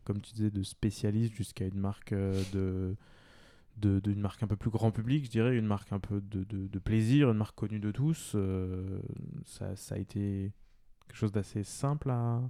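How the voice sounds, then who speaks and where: Halting man with a dark, low voice. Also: fairly even intonation. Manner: halting, searching for words. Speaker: podcast co-host. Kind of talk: casual interview chat.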